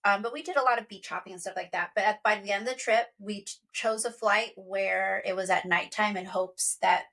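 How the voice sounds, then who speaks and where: A woman in her thirties, co-hosting a podcast, telling a story in an animated way. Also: mid-range voice, a little fast, gravelly. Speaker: podcast co-host. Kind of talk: casual chat.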